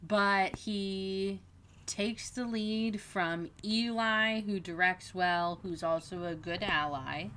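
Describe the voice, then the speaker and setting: A woman hosts a casual fan podcast in a slow, unhurried way, with a slightly low voice. She is chatty and laughs as she retells scenes. A faint hiss of noise sits under her voice. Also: gravelly, fairly bright tone. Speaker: podcast host.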